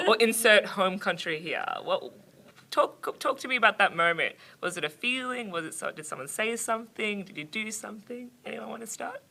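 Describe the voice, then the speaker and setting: A young woman hosting a casual roundtable chat in a studio, upbeat and quick to laugh. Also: a little high, big pitch swings, vocal fry, bright, forceful tone. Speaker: host. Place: studio in Sydney.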